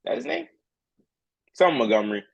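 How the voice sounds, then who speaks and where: A young man, the host's son, giving short low-key answers in a casual sports chat over a call. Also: huge pitch swings, moderate pace, creaky, slightly rough, dry recording, muffled recording. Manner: terse, low-key replies. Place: remote call.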